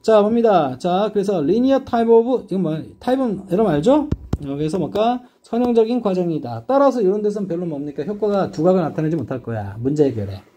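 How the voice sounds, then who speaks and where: A male English teacher lectures his class in a high, mellow voice that swings up and down with emphasis. He keeps checking that the students follow along, with a faint hiss of noise behind him. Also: brisk, few pauses. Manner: constant check-ins with the students; lively, rising and dipping emphasis.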